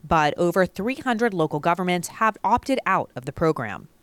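A woman's voice: fairly low pitch, sing-song, moderate pace, no room sound. An American woman working as a radio reporter, reading a scripted news report.

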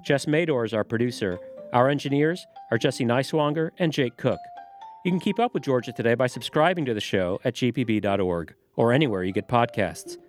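Measured male public radio news host. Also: medium pitch, faint music behind. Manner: measured, even newsreader delivery.

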